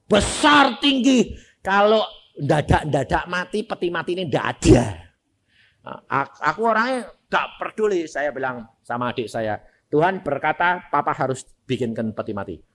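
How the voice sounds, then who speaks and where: An older man with a Javanese-tinged Indonesian accent delivers a sermon as a storytelling preacher. His pitch sits a little high and leaps around with great animation, going from loud calls to quiet asides. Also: big pitch swings, normal speed. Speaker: pastor.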